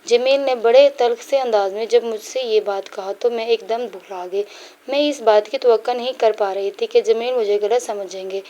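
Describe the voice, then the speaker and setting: A woman narrating a first-person moral story in a steady, earnest way. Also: a little high, muffled recording.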